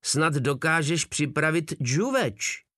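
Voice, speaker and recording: A man's voice: a little high, lively intonation, a bit bright, dry recording, studio quality, pitched above the performer's own voice. A man doing a brash, crude soldier. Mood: mocking. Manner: mocking, swaggering, coarse.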